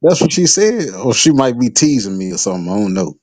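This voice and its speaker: A man's voice: mid-range voice, very animated, a little fast, a little mellow. A man in his forties from Texas, calling into a live talk show, playful and stammering as he chats. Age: 40s. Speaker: caller. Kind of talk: casual chat.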